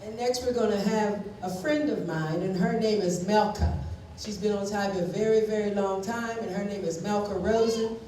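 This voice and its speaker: A woman's voice: medium pitch, normal speed, noisy background. Casual female emcee in an echoey hall. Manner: informal, stumbling restarts. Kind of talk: introducing speakers. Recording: echoey hall, distant mic.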